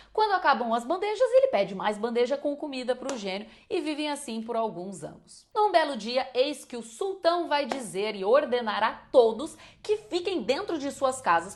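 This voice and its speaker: A woman telling a fairy tale in a casual, animated way, full of rhetorical questions. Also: sits high. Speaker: storyteller. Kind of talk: casual storytelling.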